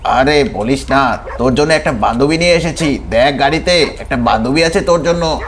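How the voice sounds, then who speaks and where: A man puts on a gruff older gangster with a lowered, slow, bossy voice. Faint noise rides under it. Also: natural voice.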